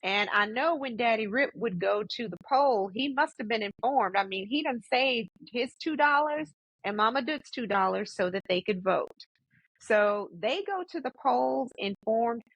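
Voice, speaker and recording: A woman in a conversational family interview, speaking emphatically and repeating phrases, on low-bitrate audio. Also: moderate pace, a bit bright, breathy edge, dry recording, highs cut off. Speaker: interviewer, daughter questioning her father.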